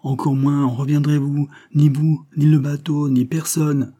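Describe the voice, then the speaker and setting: A man's voice: mid-range voice, fairly even intonation, brisk, dark tone, breathy edge, pitched above the performer's own voice, natural voice. A man voicing an old sailor in his sixties who speaks bluntly and curtly in a storybook reading. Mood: pleading. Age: 60s. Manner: blunt, curt. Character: old sea-dog sailor, gruff and fearful.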